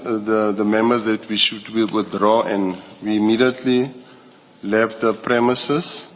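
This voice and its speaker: Male witness, South African, police captain at a hearing: slow, hesitant formal delivery, reverberant room. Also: on the low side, fairly bright tone. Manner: halting, hesitant, repeats and restarts phrases. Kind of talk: formal testimony at a commission hearing. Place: large indoor hearing room.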